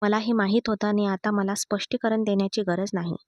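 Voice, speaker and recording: A woman's voice: mid-range voice, little pitch movement, brisk, a little mellow, no echo, muffled recording, lightly acted. A woman reading the part of a hurt, defiant young wife who answers sharply and taunts her husband. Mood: bitter.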